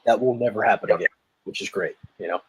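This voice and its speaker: A man's voice: on the low side, fast, breathy edge. A man telling a story in casual chat on a video call, tagging his sentences with "right?". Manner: rambling storytelling, tags lines with "right?". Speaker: podcast guest, marketer.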